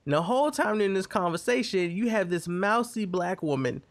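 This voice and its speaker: Guy on a podcast breaking down a tv episode, kinda high voice, acts out the quotes. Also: moderate pace. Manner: animated storytelling, acts out quoted lines. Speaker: podcast host. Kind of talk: casual TV review chat.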